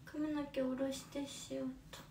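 A woman's voice: high-pitched, little pitch movement, normal speed, creaky, warm tone, slight background noise. A woman of twenty with a Kumamoto accent, chatting casually with viewers on a livestream and using lots of fillers. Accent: Kumamoto dialect. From Kumamoto, Japan. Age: 20s. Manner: chatty, friendly, with many fillers. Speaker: livestream host. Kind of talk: casual livestream chat reading comments. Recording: echoey room, phone held far off.

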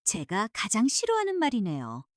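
A woman's voice: medium pitch, wildly swooping pitch, normal speed, no echo, clean studio sound, pitched below the performer's own voice. A woman voicing a composed young innkeeper who fights, speaking firmly and politely. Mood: calm resolve. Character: calm young woman innkeeper, martial artist.

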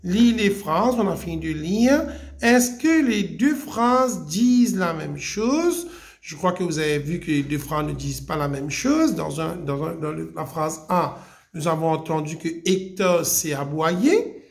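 A woman's voice: low voice, animated, unhurried. A woman teacher giving a French grammar lesson, patient and explaining step by step, often repeating key points.

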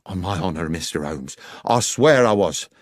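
A male reader puts on a humble railway guard from an audiobook mystery. He is anxious and earnest, protesting respectfully with lively rises and falls, recorded very dry. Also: deep voice, normal speed, no echo. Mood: earnestly protesting. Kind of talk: dramatised audiobook dialogue.

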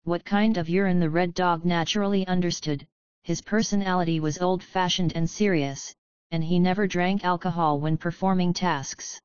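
Woman, synthetic audiobook narration, flat even reading, dull lo-fi audio, dry close sound. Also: fairly low pitch, normal speed, smooth, dry recording.

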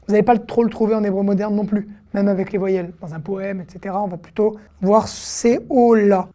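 A woman teaching an online reading lesson, patiently repeating syllables slowly with casual fillers. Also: medium pitch, warm tone. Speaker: Hebrew teacher.

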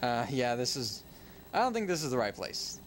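A man's voice: mid-range voice, sing-song, moderate pace. Young male gamer narrating his playthrough casually, trips over his words, audible background noise. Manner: rambling, self-correcting, muttering to himself. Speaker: let's play gamer. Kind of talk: casual gameplay commentary. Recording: home recording with noise.

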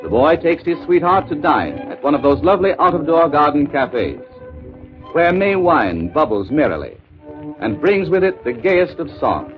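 A man's voice: on the high side, very animated, normal speed. Man announcing on an old 1930s radio broadcast. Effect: old 1930s radio broadcast sound. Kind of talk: scripted promotional narration. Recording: dull lo-fi 1930s radio recording with music.

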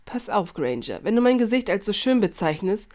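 Woman doing an arrogant sneering teen boy; smug, mocking, growled low, fan audiobook. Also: sing-song, brisk, darkish tone, natural voice. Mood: smug teasing. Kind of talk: fan fiction audiobook reading.

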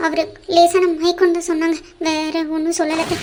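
A nervous, apologetic young niece in a cartoon, put on by a woman, stammering as she pleads. Her voice is pitched high and runs quickly. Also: little pitch movement, a little mellow, slight background noise. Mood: nervous pleading. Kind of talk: cartoon voice acting.

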